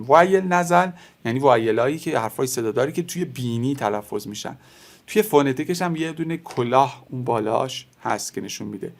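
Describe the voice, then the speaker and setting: A man whose first language is Persian, teaching a beginners' French lesson, explaining step by step and slowly repeating example words. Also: mid-range voice.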